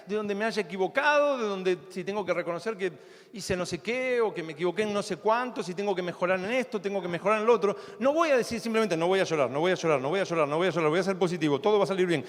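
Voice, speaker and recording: A male pastor preaching a sermon, swinging from loud urgent appeals to hushed, intimate tones. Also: high voice. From Argentina. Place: church hall. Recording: long church hall reverb.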